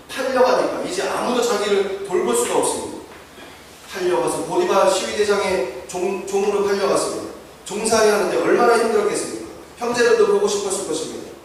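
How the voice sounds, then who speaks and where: A man's voice: high voice, far from the mic, slight background noise. A male pastor preaching a sermon with fervent, rising emphasis in a church sanctuary. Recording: echoey church hall, voice from afar.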